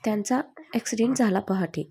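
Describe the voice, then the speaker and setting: A woman reading the part of a hesitant man who speaks softly and haltingly as he breaks bad news. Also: medium pitch, husky. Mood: gentle. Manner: halting, soft-spoken. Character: young man, hesitant and gently reassuring.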